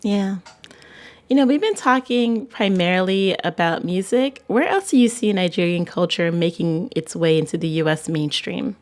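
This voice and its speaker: A woman's voice: lowish voice, lively intonation, moderate pace, darkish tone. A woman from Barbados hosting a radio podcast, asking questions conversationally and reading upbeat scripted intros. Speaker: guest host.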